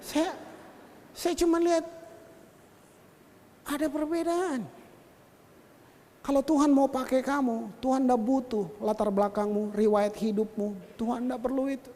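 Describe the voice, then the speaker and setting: A male pastor preaching a sermon, telling stories in an animated way and addressing his listeners directly. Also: very high-pitched, a little slow, pauses often, slight background noise. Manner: animated storytelling, addresses listeners as brothers and sisters. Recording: long hall reverb.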